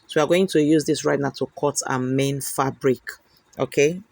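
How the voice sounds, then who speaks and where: A man's voice: mid-range voice, steady tone, normal speed, gravelly, darkish tone, dry recording. A man explaining how to cut and notch fabric pieces in a sewing tutorial. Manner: instructive, checks in with "okay?". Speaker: sewing instructor.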